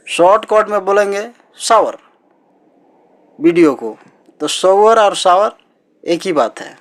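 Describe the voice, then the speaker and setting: A man teaching everyday vocabulary as a language teacher, repeating each word slowly and patiently. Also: high-pitched. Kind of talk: teaching Arabic words in Hindi.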